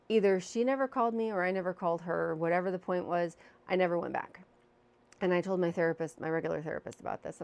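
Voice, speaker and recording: A woman's voice: fairly low pitch, gravelly, darkish tone. A woman telling a personal story in a casual, candid vlog, speaking into a microphone with a windscreen at home. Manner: chatty, candid, self-deprecating. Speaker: vlogger. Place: home room with a fan running. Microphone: new microphone with windscreen.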